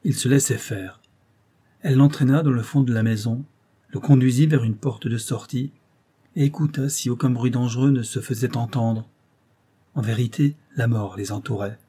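A man narrating a romantic novel in a measured, lyrical storytelling manner. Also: medium pitch, fairly even intonation, dark tone, breathy edge. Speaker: audiobook narrator. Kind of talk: literary audiobook narration.

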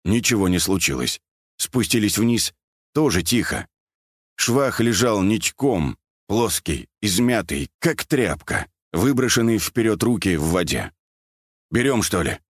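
A man narrates an audiobook with an expressive, animated delivery. The recording is close and dry, with no room sound. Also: on the low side, a little slow, husky, no room sound.

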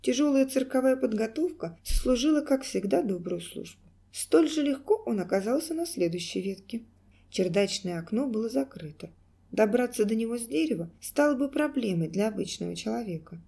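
A woman narrates an audiobook in a measured, expressive reading. Her voice is fairly high yet warm and mellow. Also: creaky, husky. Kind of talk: scripted narration.

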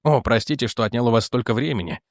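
A man's voice: animated, fast, no echo, clean studio sound, close to an everyday voice. A man reading aloud as a firm, persistent male investigator who presses his argument. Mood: pressing. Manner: firm, pressing, lowered in pitch.

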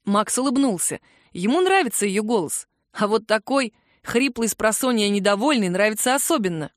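A woman reading a novel aloud in measured, lightly ironic narration into a close microphone. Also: mid-range voice, expressive, no room sound. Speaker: audiobook narrator. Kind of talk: scripted narration.

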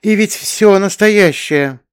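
Flustered woman, man reading in falsetto, fussing, breathless, high, audiobook. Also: normal speed, clean tone, no room sound, clean studio sound, natural voice. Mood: awed.

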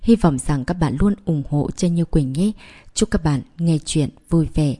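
Low, mellow woman audiobook narrator. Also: a little slow, husky. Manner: steady storytelling reading.

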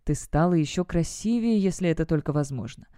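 A woman voicing brash young man, sneering blunt talk, audiobook, low smooth voice. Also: expressive, a little fast, dark tone, no echo, studio quality. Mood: scornful, heated. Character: hot-tempered young male guard, blunt and scornful.

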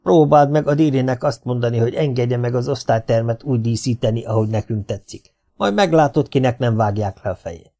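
A man putting on a schoolboy with a dry, sarcastic edge who waves things off. A gravelly, mellow reading voice sits underneath. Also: mid-range voice, lightly acted. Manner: sarcastic, dismissive.

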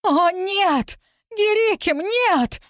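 A frail, desperate young girl cries out in a piercing, strained voice, as a woman reading the book puts her on. She pushes well above her usual pitch, and the sound is close and dry. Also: lively intonation, extremely slow, fairly bright tone, no room sound, heavily acted. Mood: shrieking plea. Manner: shrill, desperate, tearful.

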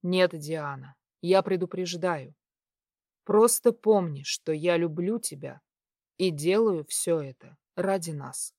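A woman voicing a tender, possessive male werewolf lover in an audiobook, low and hushed. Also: slow, no echo, studio quality. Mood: soothing. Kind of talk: audiobook character reading.

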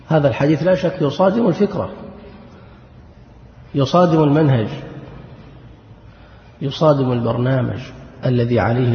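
A man's voice: medium pitch, slight background noise. A man giving a religious lesson as an Islamic lecturer, speaking fervently and rising to emphatic outbursts. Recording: dull lo-fi recording in an echoey hall.

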